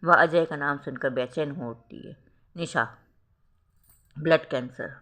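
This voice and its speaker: Bright-voiced melodramatic storyteller. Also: medium pitch, normal speed. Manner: melodramatic, reads all roles. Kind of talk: scripted story narration.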